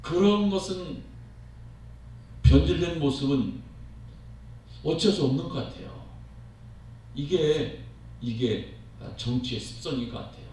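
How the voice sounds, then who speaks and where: A male pastor preaching a sermon in a church, telling the story in an animated way and acting out the quotes. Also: fairly high pitch, measured pace, pauses often. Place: church sanctuary. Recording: echoey hall, voice from far off, faint noise.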